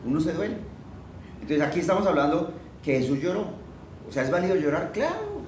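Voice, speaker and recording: A man's voice: a little high, fast talker, reverberant, far from the mic, slight background noise, low-quality recording. A man preaching a sermon, teaching conversationally and asking his listeners questions as he goes.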